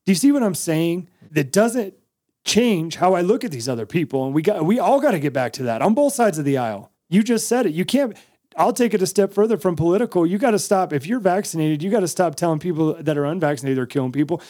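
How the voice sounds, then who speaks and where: An American man with a fairly high voice talks casually and emphatically on a podcast. He drives points home by repeating them, in a dry, close recording. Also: lively intonation, fast, mellow, dry recording. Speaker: podcast host. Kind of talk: casual opinionated podcast talk.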